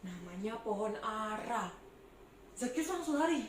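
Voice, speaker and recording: A woman telling a Bible story to young children as a Sunday school teacher, animated and asking them questions. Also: on the high side, unhurried, echoey room, a little hiss or hum.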